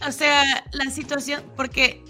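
A woman co-hosting a podcast in casual chat, blunt and quick with her reactions. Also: high voice, level tone, bright, forceful tone, soft background music. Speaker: podcast co-host.

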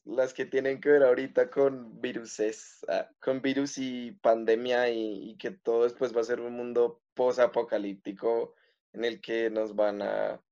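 A young man casually answering questions about his videos and life, often pausing and restarting his sentences. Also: mid-range voice, a little mellow. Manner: hesitant, many fillers and restarts. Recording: slightly muffled recording.

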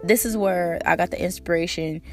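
A woman hosting a casual motivational monologue, slangy and emphatic with swearing, her squeaky, strained voice hoarse from a cold. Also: a little fast, darkish tone, faint music behind. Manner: slangy, swearing, emphatic, repeating key phrases. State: hoarse from a cold, recovering from a lost voice. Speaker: podcast host.

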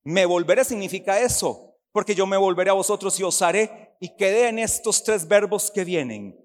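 A man pastor from Costa Rica preaching a sermon, swinging from shouted, sung-out swells to quiet, quick asides. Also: sits high, animated. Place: church hall. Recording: long hall reverb.

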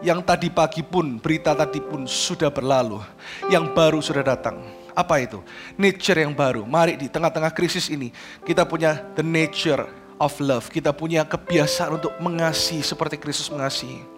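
A male pastor, preaching an online sermon in an animated way that grows emphatic, mixing in English phrases. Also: on the high side, moderate pace, music in the background.

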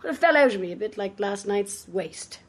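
Woman, Irish accent, big brassy voice, medium pitch, chatty interview guest, jokey storytelling. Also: animated, fairly quick. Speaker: folk singer, interview guest. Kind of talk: casual interview chat, anecdotal.

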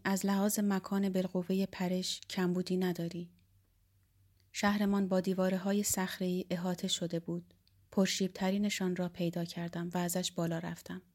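A woman with a mellow, darker tone narrates a first-person audiobook. She reads in a steady, reflective way, with a measured, even delivery. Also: fairly low pitch.

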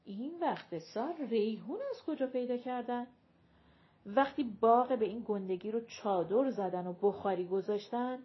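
A woman's voice: fairly high pitch, lo-fi sound, natural voice. A woman voicing a blunt, nosy, gossipy middle-aged mother who chatters on, in an audiobook reading.

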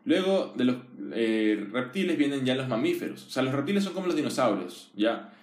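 A man at a middle pitch gives a relaxed, informal one-on-one lesson, talking directly to a single listener. He keeps asking whether he is being understood and often restarts his sentences. The room around him echoes noticeably. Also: moderate pace. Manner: conversational, checks understanding often; frequent fillers and restarts. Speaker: teacher. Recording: roomy echo.

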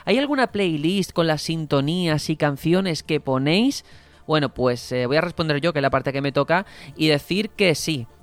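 Podcast host, male, slightly high and smooth, reads out comments and replies, dry close sound. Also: a bit bright, no echo. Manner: reads comments aloud slowly, then answers them. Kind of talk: casual podcast chat.

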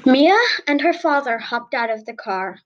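A woman narrating a home-made children's story in a slow, earnest way. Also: high voice, lively intonation, muffled recording.

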